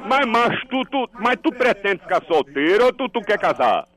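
Man putting on a high, boisterous Northeastern Brazilian joker. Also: very animated, normal speed, a bit bright, faint music behind. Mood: teasing. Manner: stammering repetitions, folksy slang, mock insults. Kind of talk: comic radio banter with a caller.

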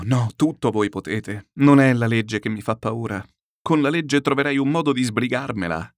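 A man's voice: mid-range voice, creaky, no room sound, clean studio sound. A man voicing a desperate, ruined middle-aged swindler who pleads and laments in a frantic, self-pitying way.

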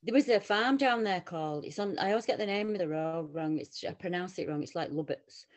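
A woman with a Northern English accent, co-hosting a casual round-table podcast chat and telling stories in an animated way. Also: lowish voice, fairly quick. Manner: animated, lively storytelling with quoted voices. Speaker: podcast co-host.

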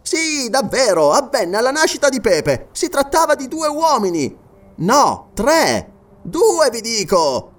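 A man reading aloud and voicing an excitable middle-aged army sergeant who answers in emphatic, insistent bursts. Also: very high voice, slow pace, pitched above the performer's own voice, full character voice.

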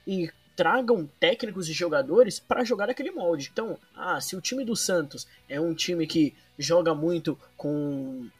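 A man's voice: fairly high pitch, measured pace, hardly any pauses, slightly rough, no echo, recorded from a distance, faint music behind. A Brazilian man hosting a football podcast in casual, slangy, informal chat.

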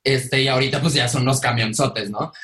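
A man with a Mexican accent co-hosting a casual chat, telling an animated story full of fillers and exclamations. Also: medium pitch, fairly quick. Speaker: podcast co-host.

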